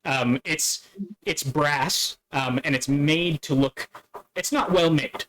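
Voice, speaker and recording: A man narrating a tabletop game as dungeon master, halting and full of fillers and restarts. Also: fairly high pitch, a bit bright, a little hiss or hum, poor audio.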